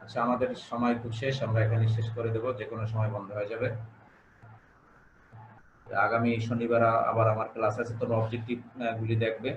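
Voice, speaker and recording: A man's voice: level tone, fast. A man teaching an online grammar lesson, explaining step by step and repeating key words. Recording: echoey room, dull low-fi sound, faint hiss.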